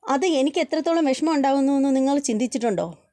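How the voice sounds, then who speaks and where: A woman's voice: high-pitched, fast talker, dark tone, no room sound, studio quality, voice pushed up, lightly acted. A woman voicing a proud, angry young wife who talks back in an indignant, raised voice.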